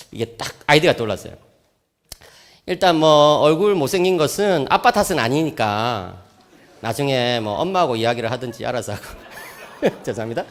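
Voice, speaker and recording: A middle-aged man giving a sermon as a professor at a church camp, animated, often prodding listeners with quick questions and joking with the audience. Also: a little high, gravelly. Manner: jokes with the audience.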